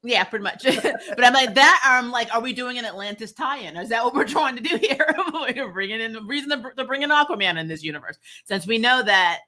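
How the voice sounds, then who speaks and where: Her voice is on the high side, animated and fairly quick with few pauses, pushed and bright. This movie review show host casually jokes through a film review, blunt, sarcastic and salty, laughing often mid-sentence.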